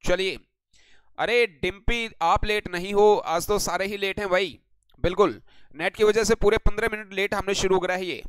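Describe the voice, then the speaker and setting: A man's voice: high voice, normal speed, a bit bright, smooth, no echo. An Indian man teaching English vocabulary in a live online class, greeting viewers by name and repeating each word as a question for the class.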